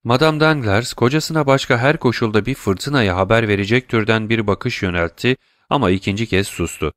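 A man reading a classic novel aloud as audiobook narrator, in a steady narrating voice. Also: moderate pace, dry recording, studio quality. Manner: steady, lower-voiced narrating between dialogue. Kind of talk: scripted narration.

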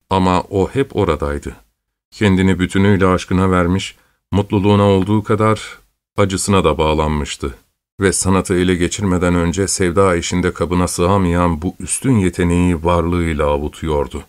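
A man narrating a classic novel in a measured, literary, unhurried manner. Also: deep voice, clear, resonant tone. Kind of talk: scripted audiobook narration.

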